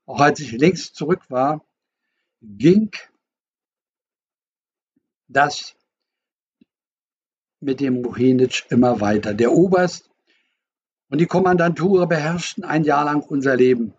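A stern, suspicious middle-aged father, read by a male narrator, insistent and bitter in every line. His voice is slightly husky and a little raised. The audiobook recording sounds dull and lo-fi. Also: fairly high pitch, animated, takes it slowly, pauses often, heavily acted. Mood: accusing.

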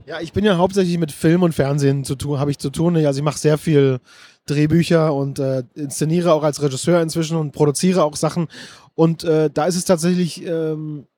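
A middle-aged man, a screenwriter and director, is the guest in a casual interview at a book fair. He speaks fairly quickly in a slightly high, dark-toned voice with fairly even intonation, thinking aloud with frequent restarts and plenty of fillers. There is no echo.

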